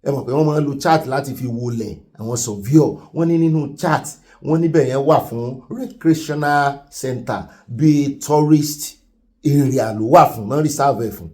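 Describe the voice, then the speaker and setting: A man's voice: medium pitch, normal speed, darkish tone. A man hosting a news commentary, speaking conversationally and addressing viewers directly. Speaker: host.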